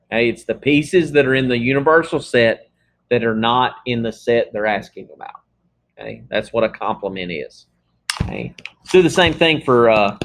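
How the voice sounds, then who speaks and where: A man's voice: mid-range voice, fairly bright tone. A man teaching a math class in a casual, conversational lecture, checking in often with his students. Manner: casual, talks through examples with frequent "okay?" checks.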